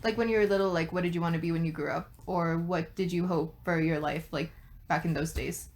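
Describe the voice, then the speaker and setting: A woman's voice: on the low side, steady tone, fairly quick, a little mellow. A young woman conducting an oral history interview, asking questions tentatively with many fillers.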